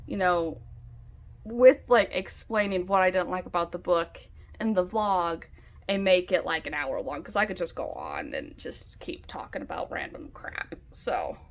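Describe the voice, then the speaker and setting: A woman chats loosely about what she is reading. Her talk wanders and is full of fillers like "like" and "um.". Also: medium pitch. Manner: chatty, rambling, many fillers like "like" and "um". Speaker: book vlogger. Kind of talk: casual chat. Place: home, with a dog nearby.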